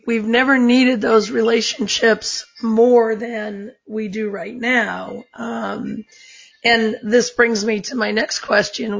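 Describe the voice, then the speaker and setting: A woman hosting an interview podcast, her voice squeaky and hoarse, strained by allergies and asthma. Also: highs cut off. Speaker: podcast host.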